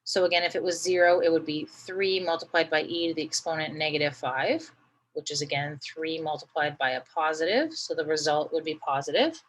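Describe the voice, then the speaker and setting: A woman's voice: low-pitched, a little fast, fairly bright tone, poor audio. A woman teaching a math lesson, patiently talking through each step and often checking in with "right?".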